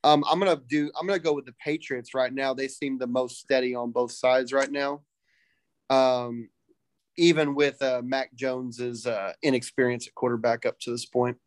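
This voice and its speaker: A male podcast co-host at an average pitch who talks in a halting way, working through his thoughts as he goes. The sound is close and dry. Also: steady tone, dry recording. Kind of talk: casual podcast chat.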